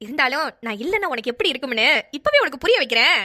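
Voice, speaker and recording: In this cartoon voice acting, a woman plays a mischievous elderly grandmother who fakes fainting, teasing and rustic in manner. Her voice sits high and sounds sing-song, racing and sharp, and it is heavily acted.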